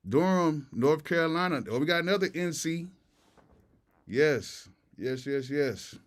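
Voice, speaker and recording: A man's voice: fairly high pitch, lively intonation, a little slow. An American man from Florida hosting a casual livestream, talking with retainers in his mouth, using slang and repeating his greetings and phrases. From Tampa, Florida. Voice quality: slightly off articulation from wearing retainers. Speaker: livestream host and music producer.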